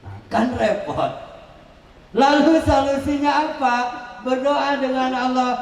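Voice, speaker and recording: High-voiced man preaching in an echoey hall. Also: slow, recorded from a distance. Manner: lively, joking, acts out quotes with sudden shouts. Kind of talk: sermon at a wedding celebration. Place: wedding celebration venue.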